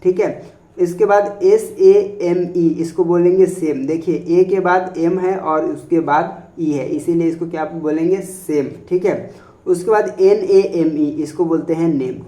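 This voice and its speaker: A man's voice: fairly high pitch, a little slow, warm tone. Repetitive male teacher spelling words aloud. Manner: repeats "okay" often and answers his own questions. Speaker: English pronunciation teacher. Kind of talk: classroom-style spoken lesson.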